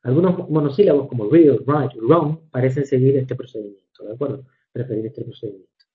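In a recorded English grammar lecture, a man with a medium-pitched voice teaches in a measured, methodical way. He slows down to read examples and corrects himself with fillers, and the recording sounds dull and lo-fi.

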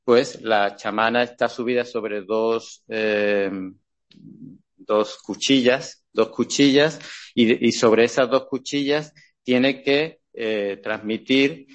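A man giving a classroom lecture over slides, talking haltingly with many restarts and checking questions to the audience. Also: mid-range voice, steady tone.

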